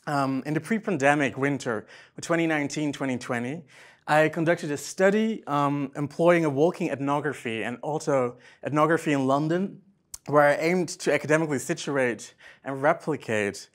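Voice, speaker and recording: Man, 20s, out of breath, halting academic talk with fillers, higher voice. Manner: breathless after dancing, many ums. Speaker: symposium speaker. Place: event space in a museum.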